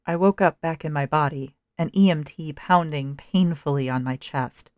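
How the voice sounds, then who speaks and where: A woman narrating a first-person story in a measured, dryly wry manner. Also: deep voice, darkish tone, dry recording, clean studio sound.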